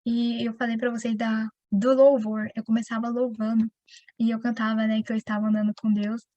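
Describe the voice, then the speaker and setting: A woman with a Brazilian Portuguese accent teaching the Bible in a conversational, animated way, often addressing her listeners directly. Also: on the high side, a little fast, dry recording, highs cut off. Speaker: preacher.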